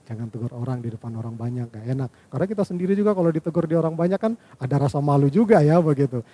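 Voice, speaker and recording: A man with a slightly raised, mellow voice delivers a devotional lesson to young listeners. He talks patiently, counting off numbered points and checking in with his audience as he goes. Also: on the high side. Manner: patient, lays out numbered points, ends phrases with "ya" and "gitu ya".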